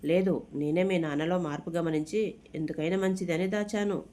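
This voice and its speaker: A storybook narrator voicing a scheming, mocking older male villain who laughs as he talks, in a dark, mellow voice. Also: mid-range voice, steady tone, normal speed, natural voice. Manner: mocking, laughs while talking.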